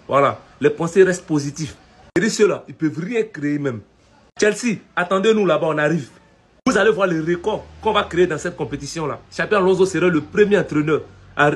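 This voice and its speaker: A man's voice: on the high side, breathy edge. A man ranting to camera as a football fan, brash and taunting, rallying fellow supporters. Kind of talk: casual fan rant to camera.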